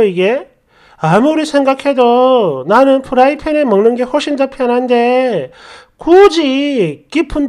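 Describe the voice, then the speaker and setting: A woman's voice: fairly high pitch, darkish tone. A woman narrating a reader's story in the first person, in a chatty, exasperated way, speaking straight to her viewers.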